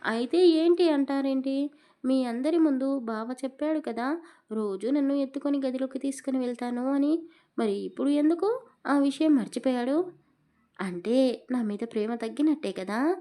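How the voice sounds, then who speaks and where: A woman's voice: mid-range voice, moderate pace, warm tone, lightly acted. A woman voicing a childlike, pouting young pregnant wife in an audio story. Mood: sulky. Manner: pouting, sulky complaining.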